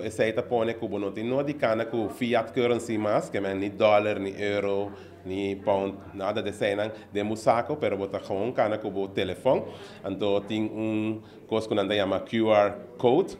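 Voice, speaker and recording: A man's voice: lowish voice, a little mellow. A middle-aged man, earnestly explaining his business into a handheld mic in a news interview indoors. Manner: earnest, explaining step by step with many fillers. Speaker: business owner being interviewed. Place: indoor office at an opening event. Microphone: handheld reporter mic held close.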